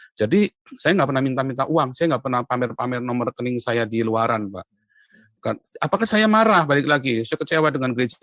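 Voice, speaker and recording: Guy telling his story in an interview, bright forceful voice, keeps getting louder and higher for emphasis, dry close sound. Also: dry recording. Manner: emphatic, often rising sharply in pitch and loudness, addresses host as "Pak". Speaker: interview guest, evangelist. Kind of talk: animated interview testimony. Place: Europe.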